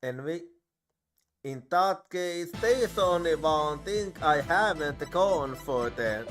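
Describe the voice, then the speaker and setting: A man's voice: on the high side, animated, slow pace, fairly bright tone. A man streaming a game, thinking aloud and musing to himself as he plays. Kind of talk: casual gameplay commentary. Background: game music.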